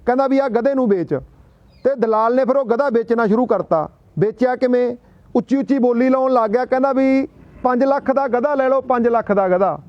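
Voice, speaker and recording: A man with a Punjabi accent speaks to a gathering as a public speaker, spinning folksy stories and posing rhetorical questions. His voice is very high, the recording has no room sound, and the highs are cut off.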